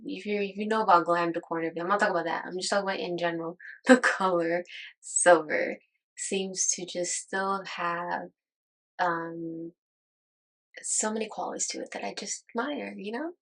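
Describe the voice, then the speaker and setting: A woman's voice: medium pitch, a bit bright, rough recording. A woman in her thirties from Las Vegas who chats casually about herself in a get-to-know-me vlog. She laughs often and is amused at her own remarks. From Las Vegas, United States. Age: 30s. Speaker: YouTuber.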